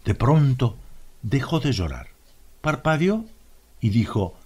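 Expressive, husky narrator. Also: male voice, medium pitch, takes it slowly. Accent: Latin American Spanish. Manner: expressive, dramatic reading. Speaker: audiobook narrator. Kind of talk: scripted narration.

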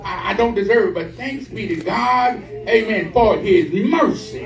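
An unhurried middle-aged guest preacher works up a sermon in a large church sanctuary, trading call and response with the congregation as his pitch and fervor rise. Picked up by the pulpit mic and filmed from the pews, it sounds echoey and far off, with the congregation calling back.

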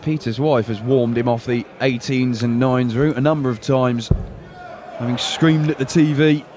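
A man commentating live on a darts match, calling the play with measured analysis. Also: mid-range voice, fairly even intonation. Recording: loud arena crowd and noise behind.

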